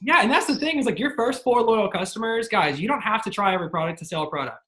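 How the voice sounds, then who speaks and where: A woman's voice: medium pitch, expressive, fast talker, a bit bright, roomy sound. A woman leading a team training, talking to the audience in an upbeat, chatty way. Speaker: team leader running a training. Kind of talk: motivational sales training talk.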